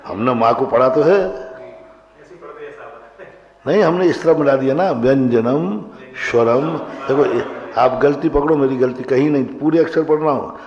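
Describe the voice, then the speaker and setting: A man's voice: mid-range voice, moderate pace, pauses often. A man teaching a grammar class, quizzing his students and drilling them on pronunciation. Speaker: religious teacher. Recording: roomy hall, dull lo-fi sound.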